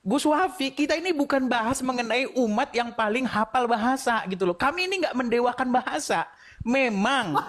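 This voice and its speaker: A woman arguing in a live debate, pressing her opponent with rhetorical questions and laughing as she argues. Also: high voice.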